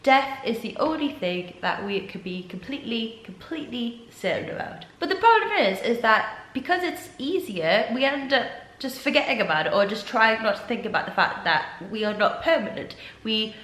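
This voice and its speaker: A young woman vlogging to camera while ill, with a nasal, stuffed-up voice and a sore throat, talking earnestly at low energy. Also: expressive, moderate pace, a bit bright. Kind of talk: casual vlog talk to camera. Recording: echoey room.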